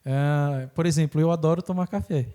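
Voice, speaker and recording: A man hosting a podcast, explaining things in casual talk and acting out the people he quotes in lively voices. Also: on the high side, smooth. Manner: animated, acts out quoted people in quick voices. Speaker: podcast host.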